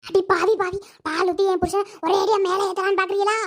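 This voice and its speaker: A woman's voice: extremely high pitch, flat delivery, quick pace. A woman voicing a nagging, complaining grandmother and mother-in-law in a cartoon, scolding and wailing by turns. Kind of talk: cartoon voice acting.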